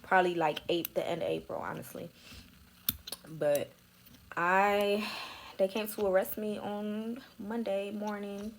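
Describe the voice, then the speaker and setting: A young woman telling a personal story in a candid, emotional way, full of swearing, sometimes dropping to a soft near-whisper. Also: medium pitch, steady tone, a little slow, pauses often, a little hiss or hum.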